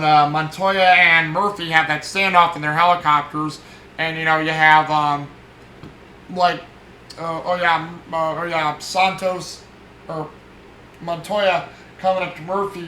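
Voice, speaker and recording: A man's voice: on the high side, flat delivery, unhurried, bright, forceful tone. A man hosting a casual movie review, rambling with many fillers and restarts as he retells scenes. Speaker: movie podcast host. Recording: echoey room with faint noise.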